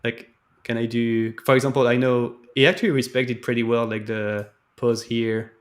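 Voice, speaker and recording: A man's voice: mid-range voice, little pitch movement, normal speed. A man hosting a live stream, casually walking through code and thinking aloud in a tentative, chatty way over a video call. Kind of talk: casual coding walkthrough.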